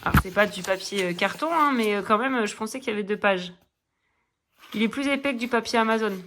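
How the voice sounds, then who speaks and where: A woman's voice: mid-range voice, quick pace, fairly bright tone, slight background noise. A middle-aged woman chatting casually in a coloring vlog, rambling with many fillers and restarts. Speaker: coloring vlogger. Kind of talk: casual chat.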